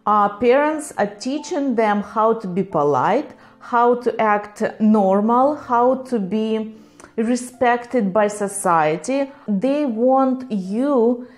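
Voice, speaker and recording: A woman's voice: on the high side, lively intonation, takes it slowly. A woman psychologist and life coach explaining to viewers in a patient, earnest way, in slightly non-native English.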